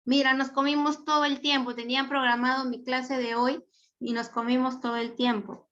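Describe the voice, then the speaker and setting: A woman's voice: sits high, little pitch movement, normal speed, fairly bright tone, dull audio. A woman teacher giving an online class, explaining patiently step by step and ending her phrases with tag questions. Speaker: school teacher.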